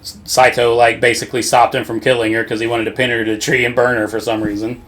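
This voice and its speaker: A man's voice: medium pitch, little pitch movement, fast, fairly bright tone, a little hiss or hum. Rambling, laughing man recapping a game. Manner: rambling, profane, laughs often. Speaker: podcast co-host. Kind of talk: casual game recap chat.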